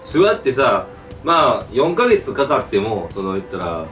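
A young man with a Kansai accent, co-hosting a YouTube chat show and teasing his friends in quick banter. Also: mid-range voice, sing-song, fairly bright tone. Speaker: YouTube channel co-host. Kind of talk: casual chat. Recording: roomy, mic at a distance, music behind.

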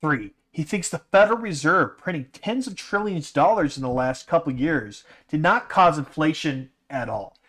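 Lively, exasperated swearing man. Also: on the high side, moderate pace, few pauses. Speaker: vlogger telling a personal story. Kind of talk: storytime rant.

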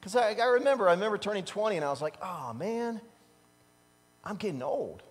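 Brisk and high-voiced, a pastor in his fifties preaches from the pulpit of a large church sanctuary stage in a casual, conversational style. He tells personal stories animatedly and chuckles at himself. The sound comes through a standing pulpit mic and a distant camera, with long church-hall reverb.

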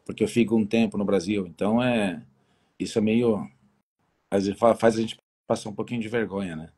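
A man's voice: on the low side, steady tone, fairly quick, mellow, husky. A man from Brazil with a Brazilian Portuguese accent, a football coach giving easygoing, rambling interview answers with many restarts.

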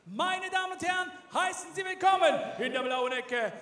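A man working as ring announcer, introducing fighters formally in a drawn-out, booming arena announcer delivery over a handheld microphone. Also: animated, heavy background noise. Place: large indoor fight arena. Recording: echoey arena PA from far off.

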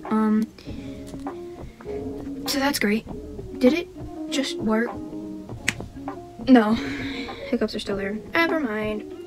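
Young woman, high voice, bubbly casual vlog chat, hiccuping, music playing behind. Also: very slow, long pauses, low-quality recording. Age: young adult. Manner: chatty and bubbly, with frequent giggles and filler words. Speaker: vlogger. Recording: background music under the voice.

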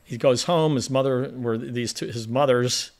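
A man's voice: medium pitch, normal speed. Man, film podcast co-host, rambling plot recap, lots of restarts, mid-range voice. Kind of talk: casual film review chat.

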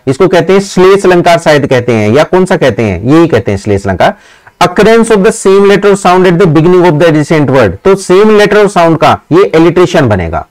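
A male teacher running a live online exam-prep class. He reads English questions out slowly, explains them in Hindi, and praises students by name. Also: on the high side, very animated, darkish tone, rough recording.

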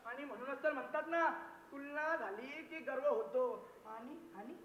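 A man's voice: very high voice, moderate pace, fairly bright tone, slight background noise. A man acting on stage as a bossy director who scolds the cast in a comedy play. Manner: scolding, ordering others about. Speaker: stage actor. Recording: echoey hall, audience heard.

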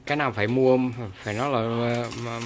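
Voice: mid-range voice, quick pace, slight background noise. An adult, chatting casually in a teasing, coaxing manner. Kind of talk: casual family chat, egging others on.

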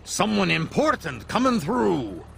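A man's voice: high voice, huge pitch swings, measured pace, gravelly, a bit bright, slight background noise, pitched above the performer's own voice, heavily acted. A man voicing a boastful, cheeky male cement-mixer truck in a storybook narration, with a teasing, rattling delivery.

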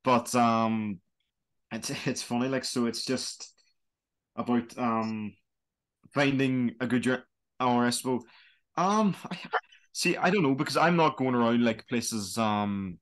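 A young adult man from Donegal in the Republic of Ireland, a student guide appearing as an interview guest, chats casually over a webcam video call from a small, plain indoor room. His mid-range voice is slow, hesitant and rambling, with long pauses.

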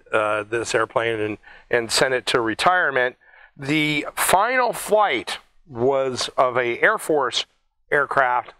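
A man's voice: mid-range voice, sharp tone, no room sound, low-quality recording. A man hosting an air museum video in a chatty, joking, rambling way, with restarts. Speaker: museum host. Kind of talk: casual one-take video talk.

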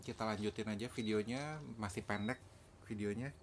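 A gaming video host with an Indonesian accent casually comments on the video game he is playing. His voice is fairly low and his pace moderate, with clear background noise and game ambience in the recording.

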